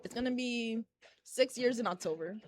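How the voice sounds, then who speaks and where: Speaking at a moderate pace in a higher voice, this young woman from Haiti is a pro wrestler guesting in a relaxed interview. Set inside a collectibles shop, she comes across as open and talkative and quick to laugh.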